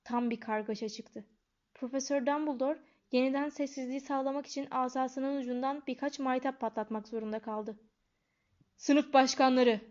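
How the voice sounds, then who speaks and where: A woman narrating a storybook in a calm, even reading voice. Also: sits high, brisk. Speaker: audiobook narrator. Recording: dull lo-fi recording.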